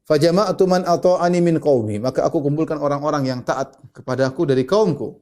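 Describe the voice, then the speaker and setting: A male preacher giving a lecture, reading Arabic lines slowly and then explaining them in a conversational way, acting out the quotes. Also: on the high side, darkish tone. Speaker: Islamic preacher. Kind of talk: sermon lecture.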